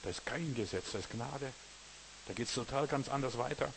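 A man preaches a sermon in a folksy, conversational way. He keeps checking in with the listener, asking whether they know and understand. His voice sits at an ordinary pitch, with a faint hiss behind it. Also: moderate pace, gravelly.

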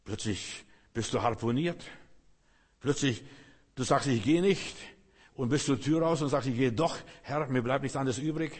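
A middle-aged male pastor delivers a fervent sermon. He rises into loud, emphatic calls and falls back into quiet, intimate phrases. His voice carries a long reverb from a large church hall. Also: mid-range voice, moderate pace. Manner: emphatic preaching, swings between loud and hushed.

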